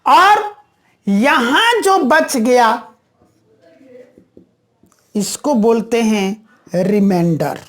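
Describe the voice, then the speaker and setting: Slow, high-voiced woman teaching maths. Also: animated, fairly bright tone. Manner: patient, repeats each step, asks and answers own questions. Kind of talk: classroom maths lesson.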